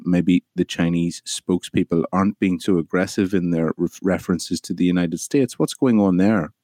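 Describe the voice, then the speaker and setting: A man's voice: deep voice, darkish tone, dry recording, clean studio sound. A man with a Northern Irish accent, hosting a news podcast as a journalist with scripted introductions and interview questions.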